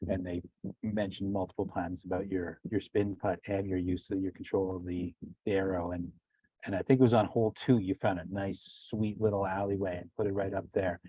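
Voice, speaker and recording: A man's voice: sits low, level tone, a little fast, warm tone, husky, no room sound. A man hosting a casual podcast interview, setting up questions in a rambling, self-correcting way. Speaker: podcast host.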